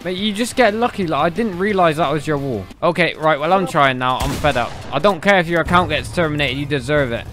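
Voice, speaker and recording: A young man, bantering excitably while playing a video game. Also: on the high side, a little fast, hardly any pauses, music in the background. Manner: excitable, says "mate" a lot. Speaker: gaming YouTuber. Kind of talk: casual gameplay banter.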